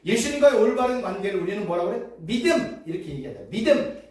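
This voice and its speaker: A woman's voice: mid-range voice, sing-song, fast talker, darkish tone. A woman seminary professor giving a preaching-style Bible lecture, quizzing her listeners with rhetorical questions and repeating key phrases for emphasis. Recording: very echoey room, mic far off.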